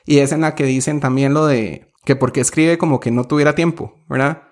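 A man's voice: fairly high pitch, brisk. A young man with a Costa Rican accent chatting casually and animatedly, laughing often. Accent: Costa Rican Spanish. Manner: animated, laughs often, quotes lyrics in English. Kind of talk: casual chat about a musical.

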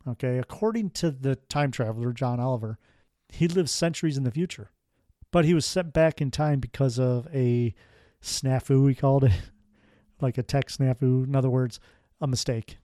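A man's voice: medium pitch, warm tone, no echo, studio quality. A man hosting a podcast, telling a strange story in a casual, rambling way with wry asides. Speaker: podcast host.

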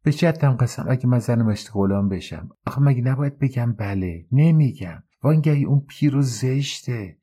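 A man's voice: medium pitch, expressive, few pauses, dark tone, slightly rough, pitched above the performer's own voice. A male narrator voicing a cheerful, teasing young village woman who chatters and pleads, in an audiobook reading. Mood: pleading.

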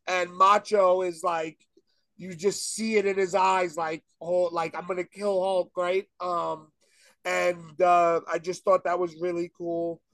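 A high-pitched man chatting on a podcast, rambling and excitable, quick to laugh and swear. His voice is recorded close and dry, with no room sound around it. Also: no room sound. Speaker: podcast co-host. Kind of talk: casual chat.

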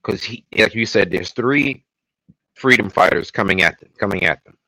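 A man's voice: fairly low pitch, moderate pace, no room sound, rough recording. A young adult man, co-hosting a podcast and animatedly recapping an episode in casual chat. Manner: animated retelling with acted-out quotes. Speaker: podcast co-host.

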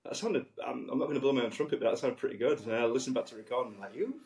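A man's voice: mid-range voice, rapid-fire, creaky, darkish tone. A man with a thick West Yorkshire accent and a nasal voice, chatting casually with sweary, joking banter. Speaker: podcast co-host, band musician. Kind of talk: casual chat.

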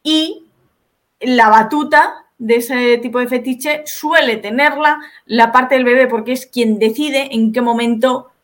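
A woman's voice: fairly high pitch, unhurried. A woman with a Spain Spanish accent, a video creator explaining her points one by one as a podcast guest. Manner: explanatory, methodical, lays out points. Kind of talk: podcast conversation.

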